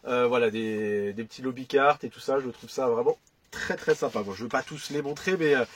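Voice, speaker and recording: A man's voice: medium pitch, fairly quick, breathy edge. A man chatting casually about films and disc editions he bought, hesitant with many fillers and restarts. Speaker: film collector youtuber. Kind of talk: casual chat about his disc purchases.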